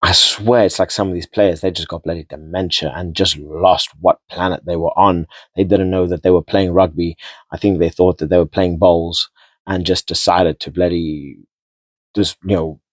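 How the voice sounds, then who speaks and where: A man's voice: deep voice, moderate pace, husky, no echo. A man giving a casual, rambling rugby match recap, repeating and restarting words as he goes. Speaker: rugby vlogger.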